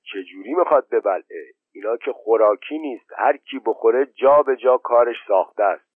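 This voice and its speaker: Reader playing an eager, questioning young villager; thin, dry, phone-like audio. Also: male voice, medium pitch, dry recording, close to an everyday voice. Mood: puzzled. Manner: questioning, quick to act. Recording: tinny phone-like narrow band.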